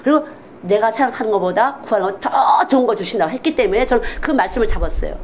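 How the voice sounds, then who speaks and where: A woman's voice: a little high, fast talker, a little hiss or hum, poor audio. A woman missionary preaching a Sunday sermon in a candid, confessional way, often acting out quoted speech. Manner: animated, acts out quoted speech in different voices.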